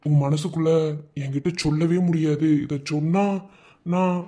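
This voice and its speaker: A man voicing a steady, loving young army husband in a cartoon, speaking in Madurai Tamil with a gentle, coaxing manner. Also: fairly high pitch, moderate pace, natural voice. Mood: tender. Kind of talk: cartoon voice acting.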